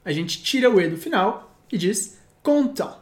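A woman teaching a language lesson, explaining patiently and slowing down to read each example sentence. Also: medium pitch, animated. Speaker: French teacher. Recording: echoey room.

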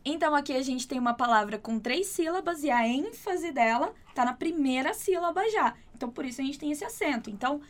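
A woman teaching Spanish, explaining patiently and repeating words slowly and clearly. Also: sits high, lively intonation. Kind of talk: online language lesson.

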